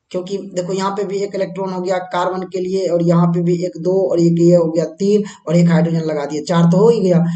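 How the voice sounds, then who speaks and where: This is a high, slightly mellow male voice in an echoey space. He's an Indian teacher giving a board-exam chemistry lesson at a whiteboard, conversational in style, regularly asking the students something and then responding himself.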